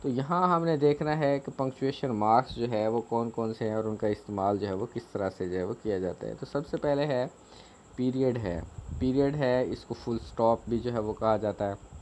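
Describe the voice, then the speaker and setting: A man teaching a grammar lesson, explaining slowly with many fillers and repeated phrases. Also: medium pitch, darkish tone, slight background noise.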